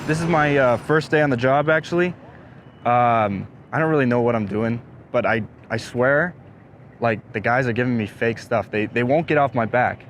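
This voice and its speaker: A man's voice: medium pitch, moderate pace, natural voice. A young man playing a clueless new worker who talks in a hesitant, stammering way, outdoors. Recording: faint traffic noise outdoors.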